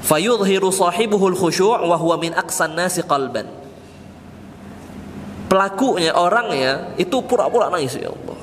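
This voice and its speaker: A man, an ustaz, gives a casual sermon in a mosque, speaking conversationally and reciting Arabic quotes slowly. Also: high-pitched, animated. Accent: Indonesian. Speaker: ustaz giving a mosque study session. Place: mosque hall. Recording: reverberant mosque hall with faint background noise.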